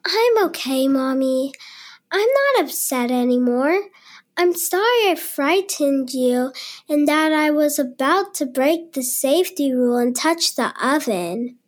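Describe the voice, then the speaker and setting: A woman doing a high, curious little girl. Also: animated, measured pace. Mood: pleading.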